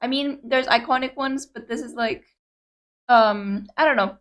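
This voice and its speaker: A young woman from Cyprus, a native Greek speaker with a Greek Cypriot accent, hosts reaction videos. Her voice is on the high side and a little slow. She chats to viewers casually and rambles, hesitating often with many fillers.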